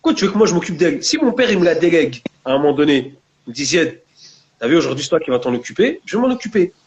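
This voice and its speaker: A man's voice: a little high, big pitch swings, very fast, highs cut off, slight background noise. A young man with a French Maghrebi urban accent talks casually in a discussion, mixing street slang with Arabic religious terms. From France, of Maghrebi family. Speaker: guest, book author.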